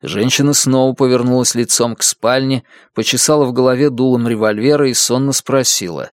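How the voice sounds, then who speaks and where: A man narrating an audiobook thriller in an even, measured reading voice. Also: medium pitch, no echo, clean studio sound.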